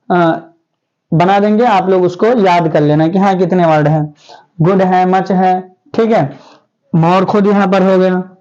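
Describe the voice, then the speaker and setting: A man's voice: high-pitched, warm tone, highs cut off. A male teacher giving a grammar lesson in a classroom. He keeps asking the class questions and then answers them himself.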